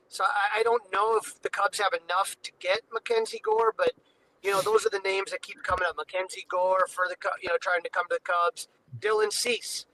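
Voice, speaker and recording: A man's voice: high-pitched, pushed and bright, a little hiss or hum, rough recording. A man talking baseball as a podcast guest over a video call that breaks up, loose and chatty with lots of fillers. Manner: loose and conversational, many "you know" fillers. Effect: heard over a video call with a breaking-up connection. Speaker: podcast guest covering the Cubs. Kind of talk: casual baseball chat.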